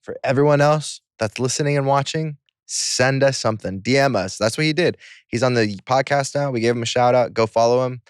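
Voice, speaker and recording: A man's voice: mid-range voice, fairly quick, clear, resonant tone, no room sound, clean studio sound. A man co-hosting a podcast, upbeat and easygoing, speaking in casual slang. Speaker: podcast co-host.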